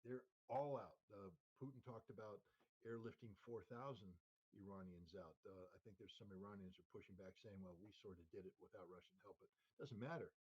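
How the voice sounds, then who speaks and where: Husky-voiced man giving emphatic analysis. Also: on the low side, fairly even intonation, brisk, darkish tone, highs cut off. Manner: emphatic, many restarts and fillers. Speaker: geopolitical commentator. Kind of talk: unscripted analysis.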